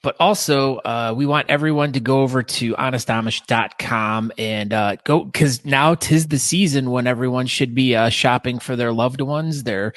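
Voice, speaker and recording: A man's voice: medium pitch, normal speed, few pauses, a bit bright, no echo. A man from the United States co-hosting a podcast in casual chat. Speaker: podcast co-host. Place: makeshift home studio in a living room.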